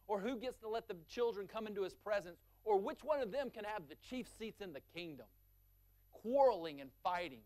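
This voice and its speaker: On a rough recording, a man preaches a sermon, gathering momentum through long lists before sinking to a low, quiet tone when he reaches his main points.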